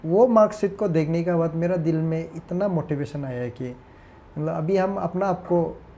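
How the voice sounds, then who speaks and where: Earnest man with a dark voice. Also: fairly high pitch, normal speed, a little hiss or hum. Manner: earnest, hesitant, reflective. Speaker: guest. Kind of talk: personal story in conversation.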